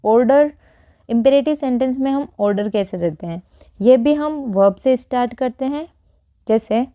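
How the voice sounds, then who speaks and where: A woman with an Indian accent teaching an English lesson, saying each phrase very slowly and repeating it before explaining. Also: medium pitch, dark tone, dry recording. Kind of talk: spoken English lesson in Hindi.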